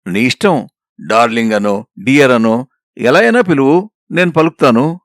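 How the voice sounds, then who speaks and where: A man voicing a confident young suitor in a storybook reading, calm and teasing. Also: medium pitch, moderate pace, dry recording, studio quality, natural voice. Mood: playful.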